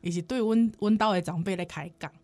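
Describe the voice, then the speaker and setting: A woman's voice: mid-range voice, fast, warm tone. A woman with a Taiwanese Mandarin accent telling a story in casual podcast chat, slipping into Hokkien and laughing often. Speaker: podcast co-host.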